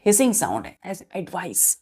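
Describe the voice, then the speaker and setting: A woman teacher leads an exam-prep grammar lesson at a middle pitch. She spells words out one letter at a time, repeats each key term, and keeps turning to her students with quick questions. She addresses them as children. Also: expressive, darkish tone.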